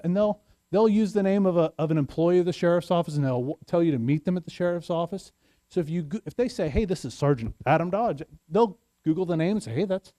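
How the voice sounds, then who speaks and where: A man's voice: on the high side, mellow, no room sound. A man giving a community talk on scams, chatty and often checking in with the audience. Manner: conversational, asks the audience "right?". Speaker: sheriff's office speaker. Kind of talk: community presentation.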